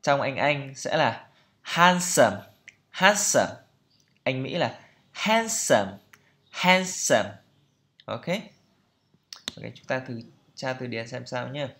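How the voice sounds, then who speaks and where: Slow, patient male pronunciation teacher. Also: mid-range voice, steady tone, creaky, fairly bright tone. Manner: drills each word several times, then explains; patient, explanatory. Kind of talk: pronunciation lesson.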